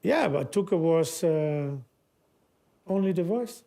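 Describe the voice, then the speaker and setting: A man in a casual off-camera conversation, asking short, animated questions. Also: a little high, takes it slowly, gravelly.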